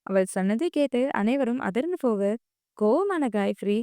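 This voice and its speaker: A woman narrating an audio novel in a steady storytelling manner. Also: a little high, normal speed, smooth, no echo, studio quality. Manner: steady storytelling, voicing every character.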